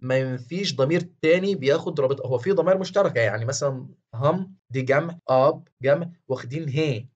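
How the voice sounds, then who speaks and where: A man with an Egyptian Arabic accent giving an online grammar lesson, patient and repetitive, often pausing to check that the listener follows. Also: medium pitch, darkish tone, lo-fi sound. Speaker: language teacher.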